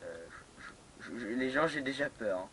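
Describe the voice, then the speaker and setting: A young-sounding man chatting through his game session, stumbling over words and filling pauses. His voice sits at a middle pitch. A steady hiss of background noise runs under the recording. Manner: hesitant, many fillers and restarts, laughing to himself. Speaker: gamer playing a modded block-building game. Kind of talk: casual let's play commentary.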